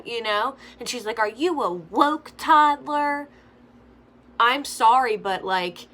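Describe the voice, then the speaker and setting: Young woman makeup vlogger, chatty opinion piece, bright forceful voice, faint hiss behind. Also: medium pitch. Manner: chatty, frequent "like" fillers. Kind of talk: opinionated commentary during makeup tutorial. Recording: faint background noise.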